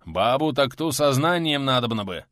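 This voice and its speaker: Male narrator playing a loud, slow-talking bearded warrior with a swinging voice, dry close sound. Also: medium pitch, expressive, no echo, lightly acted. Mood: scolding.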